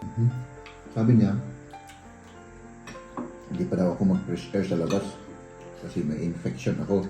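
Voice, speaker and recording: A sick man talks loosely to his viewers at home, his low voice coughing now and then between easy, filler-heavy chat. The room rings with echo, and soft music plays behind him. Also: moderate pace. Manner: relaxed, chatty, with frequent fillers. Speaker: vlogger. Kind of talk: casual vlog chat to viewers. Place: indoors at home. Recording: echoey room.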